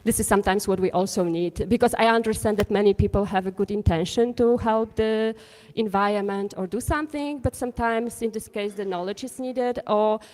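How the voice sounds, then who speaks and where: A woman's voice: mid-range voice, fairly quick, a little mellow. Hesitant woman artist in a hall. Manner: hesitant, restarting, laughing often. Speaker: invited artist. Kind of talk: panel answer. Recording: echoey hall.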